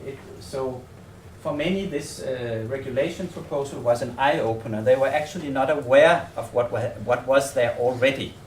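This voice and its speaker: Presenting his research in a semi-improvised way, a man from Denmark speaks with a Danish accent in a hotel seminar room. His pitch is typical for a man, and he talks haltingly and tentatively, often repeating words while working out how to phrase things. The echoey space is captured from afar, with faint background noise.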